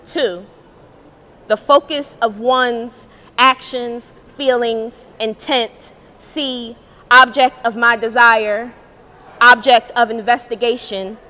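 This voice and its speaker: A woman poet giving a live spoken-word performance at an art gallery event, reciting in a measured, deliberate way. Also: on the high side, a bit bright.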